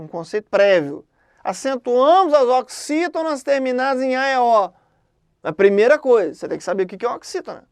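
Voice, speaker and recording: A woman teaching an exam-prep grammar lesson in a conversational way, often checking in with quick questions. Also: mid-range voice, dry recording, clean studio sound.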